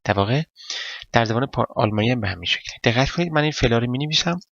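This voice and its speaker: Gravelly-voiced man teaching a language lesson. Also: medium pitch, lively intonation, a bit bright, no room sound. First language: Persian. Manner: explains step by step, quizzes the viewer, thinks aloud while writing. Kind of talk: casual spoken lesson. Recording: dry, slightly dull recording.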